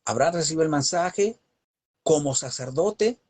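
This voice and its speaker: A man's voice: fairly high pitch, lively intonation, measured pace, a little mellow. A man teaching a Bible lesson, preaching with an emphatic, rising cadence and rhetorical questions.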